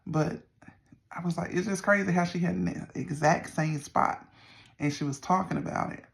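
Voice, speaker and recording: A middle-aged person with a Southern US accent and a creaky voice, chatting casually to viewers in a folksy, meandering way. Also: mid-range voice, steady tone, moderate pace. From Southern United States. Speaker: vlogger. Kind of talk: casual rambling check-in to viewers.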